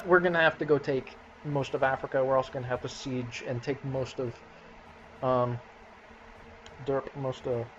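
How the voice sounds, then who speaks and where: A man's voice: medium pitch, muffled recording, slight background noise. A man casually commentating his own strategy game session, chuckling and talking to his units as he plays. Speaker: gameplay commentator.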